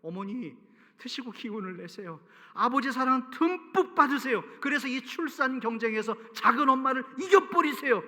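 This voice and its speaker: A man's voice: extremely high pitch, expressive, normal speed, sharp tone, full character voice. A man acting out an eager young son earnestly urging his mother to take a gift. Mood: coaxing. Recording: reverberant church hall.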